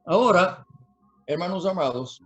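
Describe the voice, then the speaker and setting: A man preaching a sermon in a slow, halting way, with many fillers and repeated words. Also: high voice, lively intonation, fairly bright tone, soft background music. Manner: dictates words slowly for listeners to write down.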